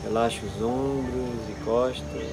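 A man with a Brazilian accent guides a relaxation meditation in a mid-pitched voice. He is calm and soothing, giving short instructions with space between them. Music plays prominently behind him. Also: takes it slowly, vocal fry.

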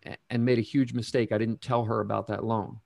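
A middle-aged man telling his own story in a casual interview, slow and reflective with many ums and restarts. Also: fairly low pitch, level tone, gravelly, a little mellow, no room sound, clean studio sound. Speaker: guest sharing recovery story.

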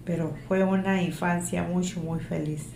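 A middle-aged woman telling her grown child about her childhood in a casual family interview, with a strong voice and a lively way of acting out remembered conversations. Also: fairly low pitch, normal speed, gravelly. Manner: animated, strong voice, acts out remembered dialogue. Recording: echoey room with faint ambient noise.

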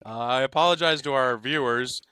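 A man's voice: medium pitch, a little fast, bright, forceful tone, clean tone. A man co-hosting a sports podcast, breaking down quarterbacks and teasing his friends. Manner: analytical, teasing. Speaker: podcast co-host. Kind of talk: casual sports chat.

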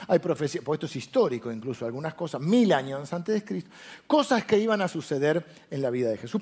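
Male preacher, high voice, talks straight to the crowd, quizzes them and answers himself. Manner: direct, asks and answers his own questions. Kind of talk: conversational sermon to a live audience.

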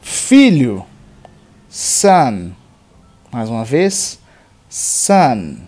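A man with a Brazilian Portuguese accent teaching English vocabulary, slowly repeating each word for the learner to echo. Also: medium pitch, sing-song, darkish tone, faint music behind. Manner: slow, deliberate drilling of words and phrases. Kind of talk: language lesson with repeat-after-me drills.

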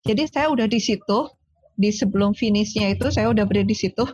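Woman, sports psychologist, lively storyteller, breathy, dull recording. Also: mid-range voice, fast, dry recording. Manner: animated storyteller, acts out quoted dialogue. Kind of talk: casual interview chat.

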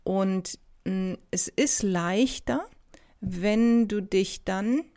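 A woman therapist speaking gently, with many pauses and restarts, asking the listener reflective questions. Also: mid-range voice. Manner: addresses listener directly with questions. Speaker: somatic experiencing therapist. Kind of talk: reflective coaching talk.

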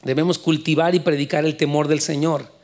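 A male pastor preaching with fervor in a slightly raised register. His delivery climbs high and loud when he urges his listeners to act now. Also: level tone, brisk. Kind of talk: sermon.

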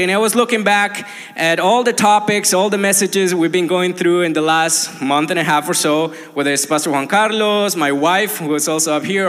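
A young Colombian pastor, a native Spanish speaker, preaches a livestreamed sermon in a high, slightly bright voice. He is earnest, restarting often and using many fillers, while a long hall reverb trails his words.

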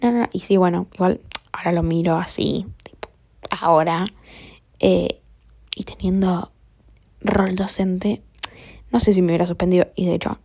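A woman's voice: on the low side, fairly even intonation, normal speed, vocal fry, pauses often, dark tone, breathy edge, dry recording, studio quality. A young woman with an Argentine accent tells a story in a casual, chatty way. She swears a lot, uses plenty of slang and often drops to a whisper. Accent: Argentine Spanish.

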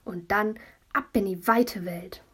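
A woman's voice: mid-range voice, takes it slowly, fairly bright tone, slightly rough. A woman reading an audiobook, voicing a bold young boy who makes grand, defiant declarations.

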